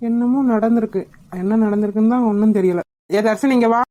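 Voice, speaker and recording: A woman's voice: on the high side, steady tone, fast, warm tone, no room sound, close to an everyday voice. Woman voicing a teasing young cartoon man. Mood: puzzled. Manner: teasing, puzzled. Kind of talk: cartoon voice acting.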